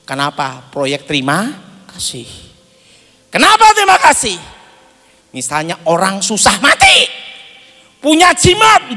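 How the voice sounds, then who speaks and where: A man preaching a sermon, telling a personal testimony and acting out the dialogue with frequent laughter. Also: extremely high pitch. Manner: animated storyteller, acts out dialogue, laughs often. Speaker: pastor. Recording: echoey hall with faint music.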